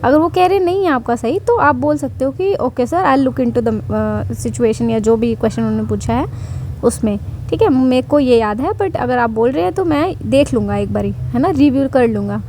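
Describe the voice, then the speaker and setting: A woman's voice: high voice, lively intonation, fairly quick, warm tone, slight background noise. A young woman casually recounting her job interview to her viewers, chatty and reassuring, mixing in English phrases. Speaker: vlogger sharing interview experience. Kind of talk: casual chat.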